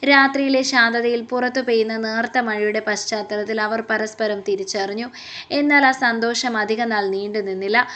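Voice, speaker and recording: A woman narrating a romance audiobook in a steady, expressive reading. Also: a little high. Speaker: storyteller. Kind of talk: scripted story narration.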